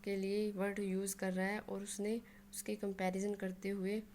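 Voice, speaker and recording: A woman's voice: mid-range voice, level tone, moderate pace, a little mellow, a little hiss or hum. A woman explaining a Hindi grammar lesson, working through examples step by step and mixing English words into her Hindi.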